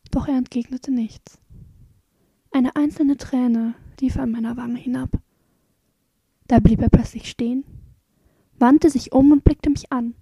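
A woman narrates sombre stories in a high, mellow voice. She reads slowly and dramatically, letting lines fall to a near whisper. The recording is close and dry. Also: no room sound. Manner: slow, hushed, often dropping to a whisper. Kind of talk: dramatic storytelling reading.

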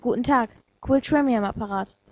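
A woman's voice: on the high side, a little fast, a little mellow, dry recording, dull audio, close to an everyday voice. A woman doing a stern older butler on the phone. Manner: stern, guarded.

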